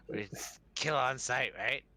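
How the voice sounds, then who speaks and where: A man playing in a tabletop game, chatting casually and joking, pitching his plans in quick bursts. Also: pushed and bright, no echo. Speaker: player.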